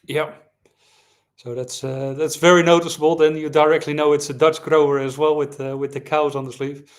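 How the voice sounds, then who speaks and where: A man's voice: fairly high pitch, moderate pace. A man hosting an online flower show, chatting casually and reading out viewer comments. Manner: relaxed, reads out viewer comments. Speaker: show host. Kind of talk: casual interview chat.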